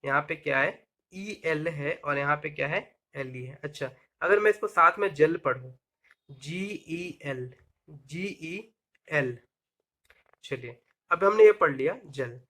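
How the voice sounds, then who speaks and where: A man giving a vocabulary lesson, asking himself questions and spelling words out letter by letter. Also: on the high side. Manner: explains with rhetorical questions and mnemonics. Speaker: teacher.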